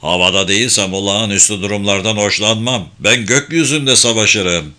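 A man's voice: lowish voice, normal speed, bright, forceful tone. A man voicing a brash, swaggering military pilot in an audiobook thriller. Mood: gruff. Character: gruff boastful male military pilot.

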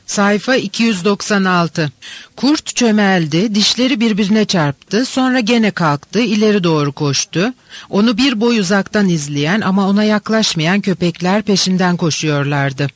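A man narrating a novel aloud at a steady, measured pace, as an audiobook reader. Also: high-pitched, no room sound.

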